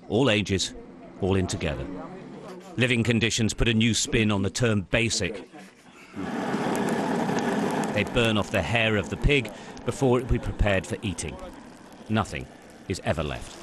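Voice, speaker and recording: An older man reporting and narrating a news report in a measured, grave way. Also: fairly low pitch, noisy background.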